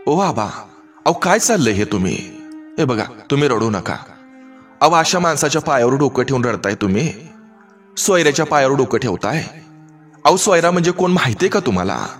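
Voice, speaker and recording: A man's voice: mid-range voice, expressive, normal speed, a bit bright, soft background music, voice pushed up, lightly acted. A man voicing a proud, defiant young village woman with a rural Marathi accent, speaking in a raised, impassioned way. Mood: defiant, indignant.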